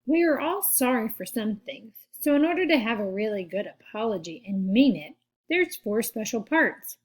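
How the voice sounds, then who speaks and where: A woman giving a gentle, patient social skills lesson to children, speaking straight to them. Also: a little high, sing-song, normal speed. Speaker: teacher for children.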